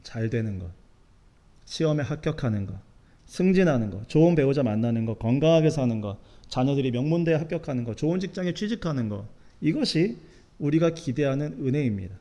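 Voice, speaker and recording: Korean pastor, mellow voice, sermon. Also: male voice, medium pitch, lively intonation, fairly quick. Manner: storytelling, acts out dialogue of churchgoers. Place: church sanctuary.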